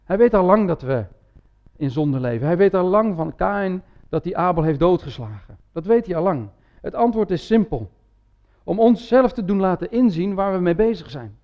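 High-voiced man preaching a sermon. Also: very animated, moderate pace, dull audio. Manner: conversational, with frequent tag words and restarts. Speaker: pastor. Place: church.

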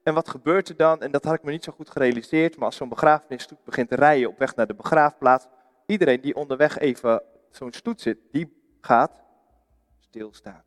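A man's voice: mid-range voice, a little fast, long reverb tail. A Dutch man preaching a sermon in a church, earnest, asking his listeners questions and answering them himself. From Netherlands.

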